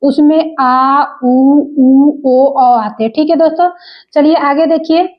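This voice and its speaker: A woman teaches an exam-prep lesson in a high voice, taking her time. She repeats each point and keeps addressing the viewers as friends. The recording sounds dull and lo-fi. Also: takes it slowly.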